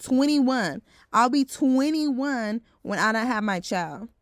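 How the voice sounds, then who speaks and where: A woman's voice: a little high, animated, takes it slowly, no echo, studio quality. A woman around twenty, talking frankly in a casual vlog, swearing now and then and saying "like" a lot. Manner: heavy use of filler "like". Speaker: vlogger.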